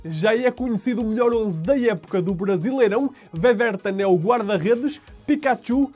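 A man with a European Portuguese accent, presenting football news in a steady scripted read. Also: high voice, soft background music. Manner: steady, measured read of sports headlines.

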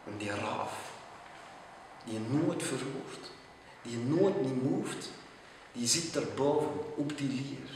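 A man with an Antwerp Flemish accent giving a dramatic poetry recital, theatrical and drawn-out, dropping into hushed tones. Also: mid-range voice, slight background noise. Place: outdoors at a theatre entrance. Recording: echoey, distant, long reverb.

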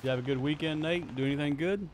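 A man's voice: a little high, fast talker, slight background noise. A male streamer chatting casually and joking with his friends while playing a shooter game. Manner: folksy, joking, greets friends warmly. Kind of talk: casual live-stream chat while gaming.

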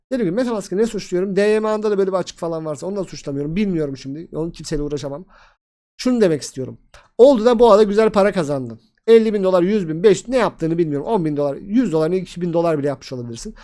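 A man's voice: sits high, darkish tone. A young man, sick and tired, telling in a rambling, repetitive and frustrated way how he lost his crypto tokens. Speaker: crypto vlogger. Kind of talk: casual screen-share vlog.

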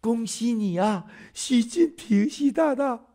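A man mimicking a fawning older American executive with a high, mocking sing-song voice. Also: lively intonation, slow pace, mellow, heavily acted.

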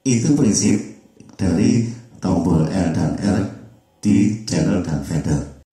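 Low-voiced man demonstrating a mixer. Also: dark tone, reverberant. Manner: methodical, repeats mic test counts. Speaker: audio mixer tutorial host. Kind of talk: hands-on equipment demonstration.

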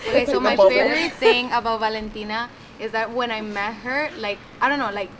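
A young woman with a Colombian accent, Spanish being her native tongue, delivers a sincere speech at a poolside party, pausing to find English words and gesturing animatedly. Her fairly quick, highish voice is captured in low quality amid the crowd's chatter and laughter.

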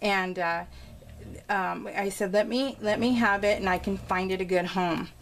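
A woman with a mid-range, steady voice narrates a craft video at a moderate pace while showing a scrapbook layout. She's a craft vlogger chatting casually in real time, telling rambling, informal stories sprinkled with exclamations. The recording is clear of background noise.

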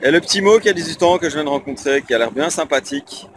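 A man's voice: fairly high pitch, animated, fast, background noise. A young man, a native French speaker, chatting casually to a handheld phone as a travel vlogger. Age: young adult.

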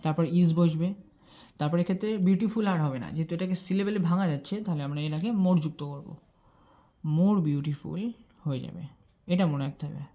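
A woman's voice: on the low side, brisk, dark tone. A woman explaining grammar rules step by step, patiently checking that her students follow. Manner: patient, checks in with "ঠিক আছে?", mixes English terms into Bengali. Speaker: English grammar teacher.

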